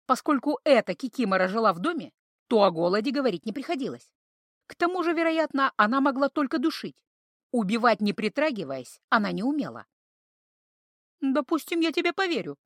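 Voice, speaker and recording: A woman narrating a fairy-tale audiobook with expressive, animated reading. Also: on the high side, a little fast, dry recording, studio quality. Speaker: audiobook reader.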